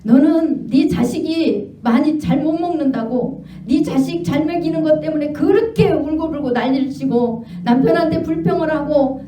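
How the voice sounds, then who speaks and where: A woman's voice: sits high, dark tone, slight background noise, pitched above the performer's own voice. Stern loving father-God, firm solemn rebuke, voiced by a woman pastor, echoey church, distant mic. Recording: echoey hall, distant mic, dull sound.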